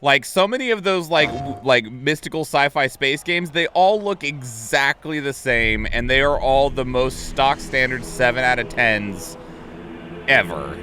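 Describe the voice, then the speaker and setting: Blunt sweary streamer guy reacting to a show, sardonic, normal pitch, noisy background. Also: animated, unhurried, sharp tone. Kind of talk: casual watch-party commentary.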